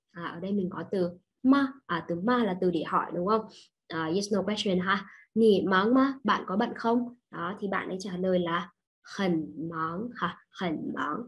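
A woman with a Vietnamese accent teaching an online Chinese class, patient and checking in with her students often. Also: medium pitch. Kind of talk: online language lesson.

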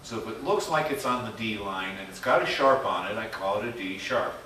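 A man's voice: fairly low pitch, expressive, brisk, pushed and bright, a little hiss or hum. A man teaching a music theory workshop to a class in a casual, chatty way, quizzing the students as he goes. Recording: very echoey room, mic far off.

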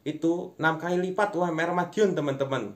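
A man's voice: a little high, fairly quick. A young man, delivering a conversational, self-deprecating stand-up monologue to camera in a room at home. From Indonesia. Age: young adult. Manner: conversational, self-deprecating, often addressing listeners as friends. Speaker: amateur stand-up comedian. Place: small room at home, indoors.

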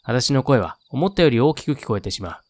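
A man voicing a timid young girl from a strict old family in a spoken horror game, talking in a hesitant, quiet way. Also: mid-range voice, expressive, a little fast, dry recording, lightly acted.

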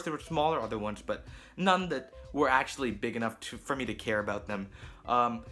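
A man's voice: a little high, fairly bright tone. A teenage boy reviewing a book in a casual, rambling way, emphatic and often restarting his sentences. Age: teens.

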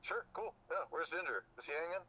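A man's voice comes through a phone's speakerphone, fairly high and swinging up and down as he talks. His tone is bright and forward. He chats in an easygoing, laid-back way. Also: expressive, fast talker, no room sound. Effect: heard over a phone on speakerphone. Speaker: friend calling in. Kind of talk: casual phone chat.

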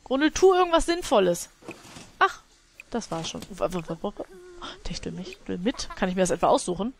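A woman's voice: mid-range voice, very animated, moderate pace. A woman hosting a let's play, commenting casually on her game and scolding her characters with exasperated, laughing outbursts.

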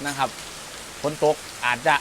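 A man with an Isan accent, vlogging a meal outdoors in the rain, loud and excitable and exclaiming often. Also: a little slow, noisy background. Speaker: food vlogger. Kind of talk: casual outdoor cooking vlog.

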